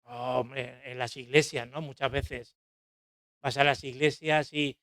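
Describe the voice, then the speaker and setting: A man's voice: mid-range voice, fairly even intonation, slow pace, fairly bright tone, no echo, clean studio sound. A middle-aged man preaching a sermon in a church, emphatic, repeating key phrases and asking rhetorical questions.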